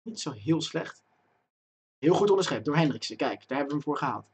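Excitable young man narrating his match. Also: a little high, brisk, breathy edge. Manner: talks to himself and chat, bursts into loud excited shouting at chances. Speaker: gaming streamer. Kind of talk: live gameplay commentary. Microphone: desk microphone.

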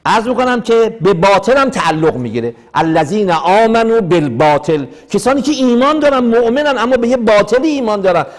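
A man's voice: extremely high pitch, few pauses. A man teaching mystical texts in a religious lecture, telling stories and asking the listeners questions as he goes. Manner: animated storytelling with rhetorical questions. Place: lecture hall in Vancouver.

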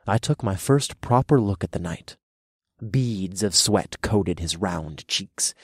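A man narrating an audiobook in the first person, with a dark, gloating storytelling manner. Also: low voice, slightly rough, dry recording, studio quality.

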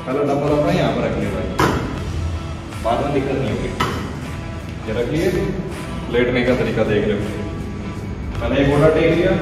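A gym trainer who demonstrates exercises and coaches a trainee in short, repeated cues, often calling him brother. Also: male voice, medium pitch. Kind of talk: workout instruction. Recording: echoey hall, voice far from mic, loud music.

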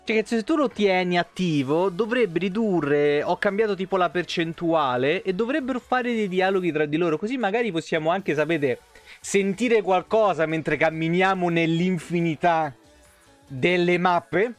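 Soft background music accompanies a man in his thirties rambling and swearing on a live game stream. He speaks at a moderate pace in a high-pitched voice, close to a desk mic on an arm in a small home room.

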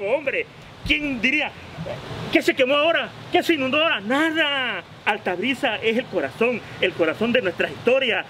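Man putting on a squeaky, sharp-toned comic superhero: crude, mocking, fan Q&A vlog. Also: slight background noise. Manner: crude, mocking, full of insults and slang. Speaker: host of a question-and-answer vlog. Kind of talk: comedic vlog answering fan questions. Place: outdoors at a hotel by a river.

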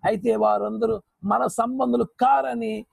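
A male pastor delivers a sermon over a video call, his voice pitched very high with a heavy gravelly rasp and a husky edge. He tells stories by acting out both sides of everyday arguments and repeats key phrases, with occasional bursts of raised voice. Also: fairly even intonation, measured pace, no echo, rough recording. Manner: storytelling that acts out both sides of everyday quarrels.

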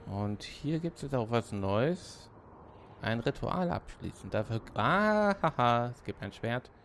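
A man with a mid-pitched, creaky voice gives casual gameplay commentary. He talks as a let's play host, close to the mic, with faint game ambience behind him. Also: a little hiss or hum.

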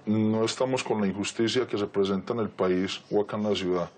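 Anonymous Colombian man, disguised deep voice, dark and mellow tone, blunt interview answers. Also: fairly even intonation, fast. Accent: Colombian Spanish. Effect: voice electronically disguised, pitched deep.

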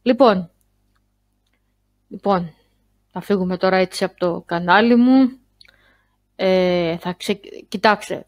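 A woman talking casually to her viewers in a vlog, chatty and halting, full of fillers and restarts. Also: mid-range voice, no room sound. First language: Greek. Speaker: YouTuber. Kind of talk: casual screen-share vlog.

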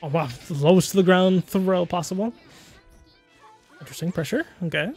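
A man in his twenties commentating a fighting game stream in a casual, laughing way, with quick excited calls of the action. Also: high-pitched, husky, faint music behind. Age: 20s.

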